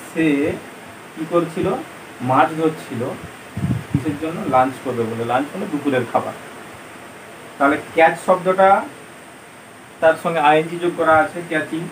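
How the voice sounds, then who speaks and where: A man's voice: a little high, moderate pace, long pauses, a little hiss or hum, poor audio. A male teacher giving a patient, step-by-step lesson, asking and answering his own questions as he explains English words.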